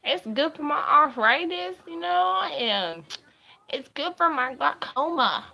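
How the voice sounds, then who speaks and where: Woman putting on a high-pitched elderly stoner grandma. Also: animated, slow, gravelly, pushed and bright, dull audio, heavily acted. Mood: chatty, pleased. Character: elderly stoner grandma bragging about her pen.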